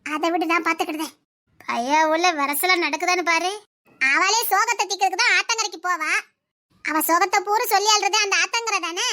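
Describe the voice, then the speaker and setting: A woman's voice: very high-pitched, brisk, bright, forceful tone. A woman voicing a young village girl who teases and schemes with her friends. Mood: scheming. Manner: teasing, conspiratorial. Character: scheming teasing village girlfriends, young women.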